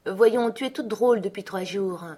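A woman's voice: mid-range voice, normal speed, warm tone, husky, natural voice. A woman voicing a meek, fumbling husband who works as a clerk, stammering and hesitant.

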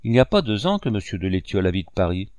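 A man voices a scheming middle-aged swindler, a villain who speaks with irony and quietly veiled threats. His voice is lowish, very animated, and fast, with no echo.

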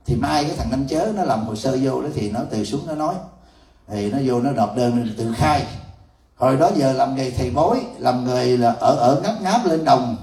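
A man's voice: medium pitch, lively intonation, moderate pace, a little mellow. A man, a Buddhist monk telling a story in an evening sermon, laughing often as he speaks. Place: temple hall. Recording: roomy hall from far off.

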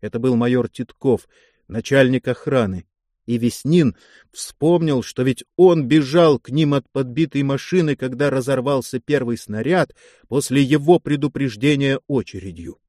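A man's voice: medium pitch, moderate pace, warm tone, no room sound, clean studio sound. Man narrating a war novel. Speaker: audiobook narrator. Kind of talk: scripted narration.

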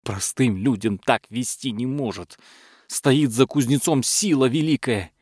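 A man's voice: mid-range voice, measured pace, a little mellow, no echo, studio quality, lightly acted. A man voicing a scheming, fawning male court butler who whines and pleads. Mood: wheedling. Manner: pleading, wheedling.

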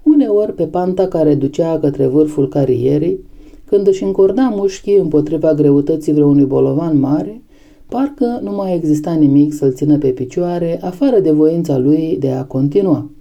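A woman reads a novel aloud in a measured, steady audiobook narration. Her voice sits low, with a deep, mellow darkness to the tone, and the pacing stays even from line to line. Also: gravelly, muffled recording.

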